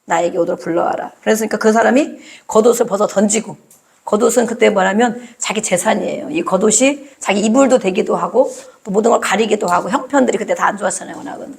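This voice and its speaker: A woman's voice: fairly high pitch, vocal fry. A woman preaching a sermon, often asking the congregation questions and acting out cries.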